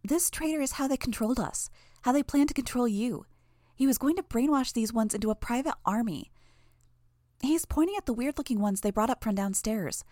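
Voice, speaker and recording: Woman reads a rabble-rouser, high and rousing. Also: brisk, warm tone, no echo, studio quality, natural voice. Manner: raised, rousing, sarcastic.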